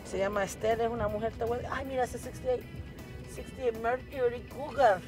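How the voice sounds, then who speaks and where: A woman's voice: on the high side, steady tone, fast talker, over music. A woman working as a repo agent, teasing her partner and talking in a sassy way, slipping in English words. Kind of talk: scripted reality banter and interview.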